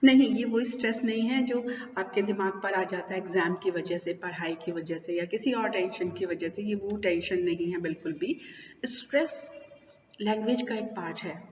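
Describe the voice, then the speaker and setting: A woman's voice: mid-range voice, fairly even intonation, moderate pace, hardly any pauses, darkish tone. A woman teacher with an Indian English accent, explaining in a bilingual classroom style and answering her own questions as she goes. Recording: roomy, distant, dull, slight hiss.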